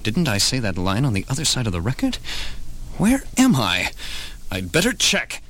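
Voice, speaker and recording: An actor playing a gullible, wisecracking tough-guy detective, deadpan, in a comic radio parody. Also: medium pitch, normal speed, noisy background. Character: wisecracking, gullible hard-boiled private eye.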